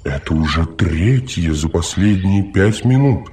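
A man's voice: low voice, lively intonation, a little slow, a little mellow, slight background noise. A man reading an audiobook, voicing a fussy, over-solicitous male machine caretaker who lectures and talks too much.

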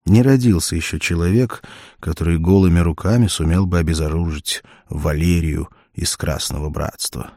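Deep-voiced male audiobook narrator. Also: no echo, clean studio sound. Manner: steady, measured reading. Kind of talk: scripted narration.

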